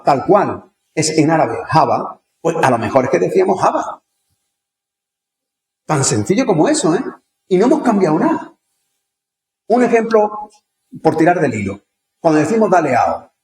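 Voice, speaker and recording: An Andalusian-accented man delivers a conference lecture in a casual, conversational way, often turning to the audience with questions. His voice sits a little high for a man. The room around him rings with a roomy echo. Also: darkish tone. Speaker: conference speaker. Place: lecture hall.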